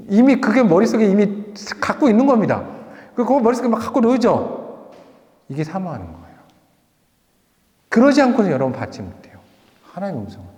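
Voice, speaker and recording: Animated male pastor in a reverberant church. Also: high-pitched. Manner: animated storytelling with rhetorical questions. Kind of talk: sermon with personal testimony and closing prayer. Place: church sanctuary.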